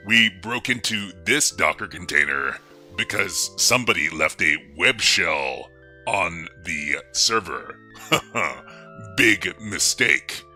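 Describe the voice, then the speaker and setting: A man's voice: lively intonation, takes it slowly, sharp tone, faint music behind, full character voice. A man livestreaming through a voice changer that morphs him into a mock-menacing "scary hacker" persona, talking in a playful, jokey way. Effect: voice changer, deep morphed voice. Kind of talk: livestream hacking commentary.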